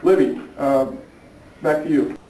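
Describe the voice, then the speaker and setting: Casting: man, vlog host, mellow tone, hesitant chatty delivery, recorded from afar in an echoey room. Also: fairly high pitch, measured pace. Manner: hesitant, many fillers and restarts. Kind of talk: casual travel vlog chat. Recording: echoey room, distant mic, faint noise.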